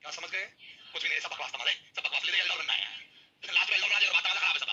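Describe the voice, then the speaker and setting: A male chemistry teacher delivers an energetic classroom lecture at a rapid clip, constantly pushing his students to answer back. His high voice is very bright and cutting, and the muffled recording carries a faint hiss.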